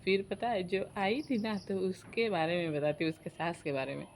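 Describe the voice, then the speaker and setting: A woman in her forties casually telling a family story to viewers, chatty and animated, acting out her relatives' lines. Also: lowish voice, normal speed, slight background noise. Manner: chatty, animated, quotes relatives in their voices.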